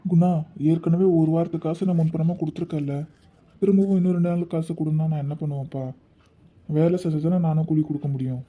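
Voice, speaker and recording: A man playing a kindly, calm employer. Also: a little high, quick pace, natural voice. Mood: reluctant. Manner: calm, reassuring, fatherly. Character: kindly middle-aged male employer. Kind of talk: amateur family skit acting. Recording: dull lo-fi recording.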